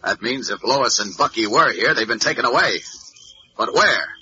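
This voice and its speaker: Heroic superman, clipped urgent delivery, very bright tone, lo-fi old radio sound. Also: medium pitch, animated, normal speed, husky, full character voice. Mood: puzzled. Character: Clark Kent/Superman, heroic adult man. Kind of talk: 1940s radio acting. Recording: dull lo-fi old radio recording with faint hiss.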